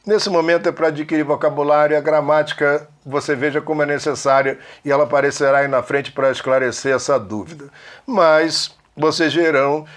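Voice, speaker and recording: A man with a Brazilian Portuguese accent teaching an English lesson, explaining slowly and checking in often with the learner. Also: on the high side, fairly even intonation. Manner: patient, repetitive, checks in with "né?" and "ok?".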